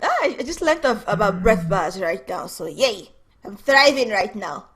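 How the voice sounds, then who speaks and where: A woman's voice: medium pitch, very animated, moderate pace, a bit bright, slightly rough. Curious woman podcast host. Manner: curious, affirming, playful. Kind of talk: podcast interview.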